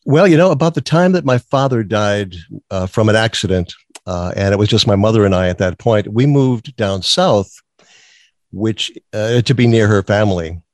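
Chatty low-voiced man telling stories. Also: moderate pace, darkish tone, no room sound. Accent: neutral American, no strong regional accent. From Massachusetts. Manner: chatty, laughs often while telling stories. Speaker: guest. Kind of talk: casual interview chat.

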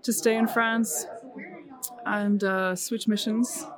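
A woman's voice: mid-range voice, little pitch movement, takes it slowly. A middle-aged woman from Ireland, earnestly telling her story as a missionary guest in a conversational interview. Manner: earnest, with frequent restarts and fillers.

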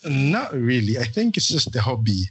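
A young man from Zambia, a guest in an interview, talking in a relaxed, hesitant way with many fillers. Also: medium pitch, moderate pace, noisy background. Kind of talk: casual interview talk.

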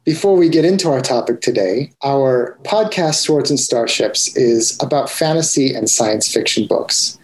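Easygoing podcast guy just chatting, mid pitch, kinda loose. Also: moderate pace, hardly any pauses. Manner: easygoing, chatty, some restarts. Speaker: podcast co-host. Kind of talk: casual chat.

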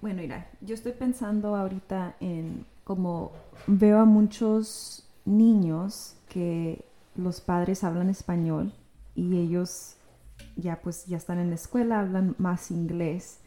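Woman co-host, very warm dark tone, earnest and thoughtful in relaxed conversation. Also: lowish voice, slow pace. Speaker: podcast co-host. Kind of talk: casual conversation.

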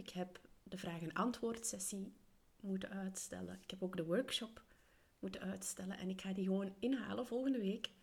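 A Flemish woman hosting a solo podcast while ill, her weak voice often slipping into a whisper; she speaks in a calm, earnest way with thoughtful pauses. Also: mid-range voice, husky. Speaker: podcast host and coach for separated parents.

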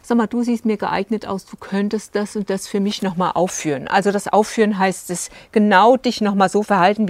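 Dry-voiced German couples coach, storytelling. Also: female voice, medium pitch, no room sound. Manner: recounts client sessions, acting out quoted lines; conversational, with fillers and asides. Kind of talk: storytelling talk to video viewers.

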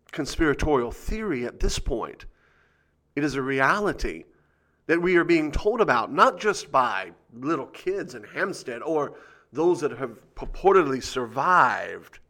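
A man's voice: on the high side, bright, forceful tone. A man hosting a conspiracy show, reading scripted commentary with dramatic emphasis and rhetorical questions.

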